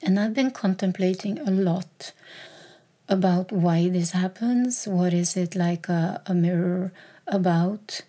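Woman, podcast host, reflective monologue, mellow voice, slightly low pitch, hesitant with fillers. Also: slow pace. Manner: hesitant, many fillers and repeated words.

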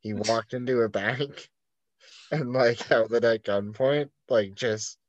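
A man's voice: mid-range voice, takes it slowly, no room sound, highs cut off. A man telling a story in loose podcast chat, his mid-range voice sitting close and dry on the mic. He leans hard on "like" fillers and drops curses freely as he goes. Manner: rambling storyteller, heavy "like" fillers and swearing. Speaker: podcast co-host.

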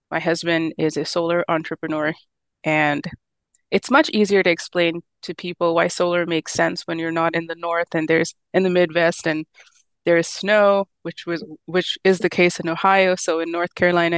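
A woman's voice: on the low side, clear, resonant tone, dry recording. A woman in her thirties from Pakistan, a physician guest telling her story in a friendly way and laughing easily. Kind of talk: casual interview talk.

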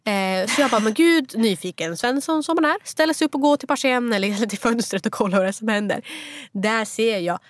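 A young woman from Sweden co-hosting a podcast, telling stories in a lively, animated way. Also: fairly high pitch, hardly any pauses, dry recording. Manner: lively storyteller, animated retelling. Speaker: podcast co-host. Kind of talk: casual chat.

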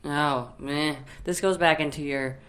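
A woman in her thirties co-hosting a casual podcast at home, playful, with quick short replies. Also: low voice, fairly even intonation, fairly bright tone. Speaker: podcast co-host. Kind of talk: casual chat.

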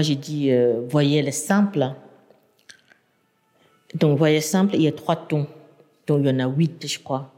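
A woman's voice: low voice, warm tone, in a large hall. A native Burmese-speaking woman, a university lecturer, explaining her language in an interview with hesitant, restarting speech.

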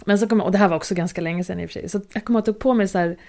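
A woman chatting casually and telling a story with animated energy. Her talk is loose and full of fillers, at an everyday middle pitch. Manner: lively storyteller, fillers like "så här". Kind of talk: casual chat.

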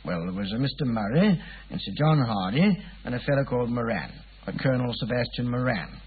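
An actor playing a weary, puzzled English police inspector, chatty and deferential, in a 1950s radio drama. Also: male voice, medium pitch, lively intonation, brisk, slightly rough, narrow, tinny audio. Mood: confiding. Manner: hesitant, colloquial, deferential.

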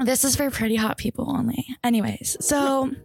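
A woman's voice: high-pitched, steady tone, moderate pace, gravelly, darkish tone. A young woman hosting a casual podcast chat, bubbly and full of fillers. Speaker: podcast host.

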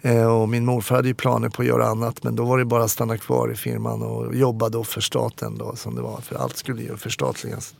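A man, a former police officer reflecting candidly on his life in an interview, with frequent pauses and hesitations. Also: mid-range voice, gravelly. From Stockholm, Sweden.

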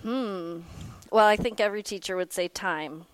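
A woman's voice: medium pitch, moderate pace, smooth, dry recording. Friendly Midwestern woman teacher. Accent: Midwestern American. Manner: friendly, laughing easily, thoughtful. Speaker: guest, teacher. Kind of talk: casual podcast chat.

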